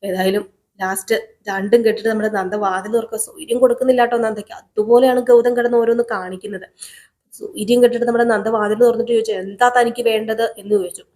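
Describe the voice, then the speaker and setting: A woman's voice: medium pitch, steady tone, quick pace, warm tone. A woman chatting through a casual episode recap of a television serial, with many fillers. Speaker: serial reviewer.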